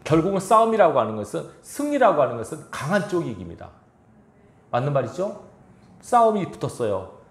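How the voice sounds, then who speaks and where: Brisk and sing-song, a fairly high-pitched male pastor reads scripture in an echoing church sanctuary, then presses the congregation with rhetorical questions.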